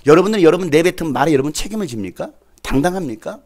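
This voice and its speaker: Animated male pastor preaching. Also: fairly high pitch, very fast. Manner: animated, asks the congregation questions and acts out quotes. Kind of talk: sermon.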